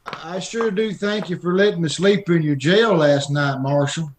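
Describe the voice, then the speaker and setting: In an old-time radio Western, a man plays a meek, odd little drifter, talking in a hesitant, simple, folksy manner close to a drawl. His voice is fairly high and near his everyday sound, at normal speed. A little hiss or hum sits under the audio.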